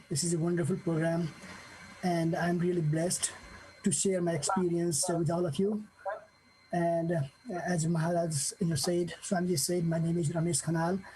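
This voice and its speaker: A man in his forties from Nepal, giving an earnest, halting spoken testimony full of fillers and restarts. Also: sits high, mellow, slight background noise, low-quality recording. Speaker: guest sharing a devotee testimony.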